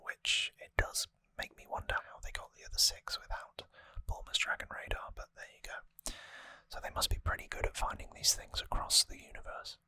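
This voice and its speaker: Close to the mic, someone whispers softly and breathily as an ASMR host, offering an unhurried, rambling recap laced with gently wry remarks. There's no echo.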